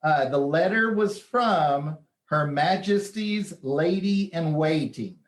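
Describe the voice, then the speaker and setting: A man hosting a casual chat, telling news stories in a relaxed, chatty way with plenty of fillers. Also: on the high side, slow, reverberant. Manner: chatty storyteller with frequent fillers. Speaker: host.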